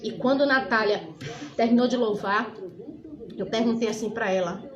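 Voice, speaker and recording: A middle-aged Brazilian woman with a fairly high voice gives her testimony in a church. She tells the story with hesitant fillers, then builds to fervent preaching. Her voice rings through an echoey hall over a murmuring crowd. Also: normal speed, dull audio. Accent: Brazilian Portuguese. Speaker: lay preacher giving testimony. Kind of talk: testimony to a congregation.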